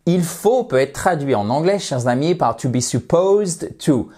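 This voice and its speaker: A man giving a video English lesson in French as the teacher, repeating English phrases slowly and clearly and checking in with the viewer. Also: a little high, animated, dark tone. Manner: explains in French, then models English phrases slowly and emphatically; checks in often with short questions to the viewer.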